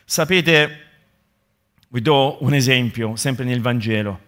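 A man's voice: medium pitch, takes it slowly, fairly bright tone. A male pastor delivering a sermon, building his points through repeated phrases and speaking directly to his congregation. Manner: impassioned preaching with repeated rhetorical build-ups; addresses the congregation directly with asides.

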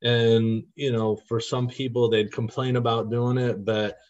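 A man's voice: medium pitch, level tone, unhurried, a little mellow, muffled recording. A man guest on a podcast telling heartfelt stories in an earnest, at times emotional way. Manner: earnest, emotional when recounting. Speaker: podcast guest, costumed volunteer. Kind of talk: storytelling in an interview.

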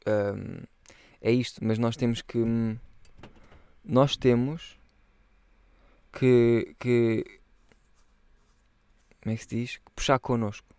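A man's voice: medium pitch, steady tone, slow, creaky, pauses often, mellow, clear, resonant tone, no room sound. A young man chatting casually on a solo podcast, rambling in loose slang and swearing freely. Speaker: podcast host.

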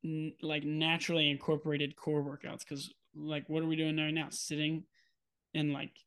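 A young man co-hosting a podcast in relaxed casual chat, talking with many fillers and laughing easily. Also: fairly high pitch, moderate pace, clean tone. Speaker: podcast co-host.

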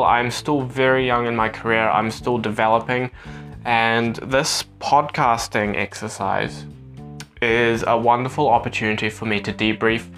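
A young man with a New Zealand accent records a casual solo podcast on his phone's voice recorder. He speaks earnestly and reflectively at a middling pitch, with guitar music behind him. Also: fairly bright tone. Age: young adult. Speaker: podcast host.

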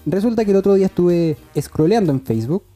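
A young man with a Chilean accent, talking fast with a mellow, darker voice. He tells stories loosely among friends. Faint music runs underneath. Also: high voice, lively intonation. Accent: Chilean Spanish. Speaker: podcast co-host. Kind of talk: casual chat.

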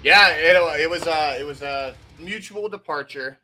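A man with a bright, forceful voice co-hosts a music review podcast. He sounds tired and yawns between thoughts. He talks loosely, swears freely and keeps restarting his sentences. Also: a little high, normal speed. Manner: loose, profane, trailing off in restarts. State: tired, yawning. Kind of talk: casual chat.

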